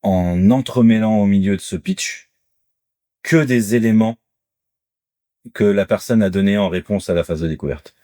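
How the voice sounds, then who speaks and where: A man with a deep, mature-sounding voice, a podcast guest and salesman chatting casually and acting out sales pitches with lively energy. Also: moderate pace, long pauses, no room sound, clean studio sound. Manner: animated, lively storyteller who acts out sales pitches. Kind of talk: casual conversational interview.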